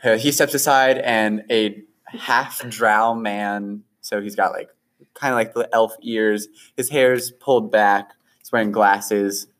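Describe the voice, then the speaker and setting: A man narrating a tabletop game as game master, unhurried with frequent fillers. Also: fairly low pitch, fairly even intonation, a bit bright.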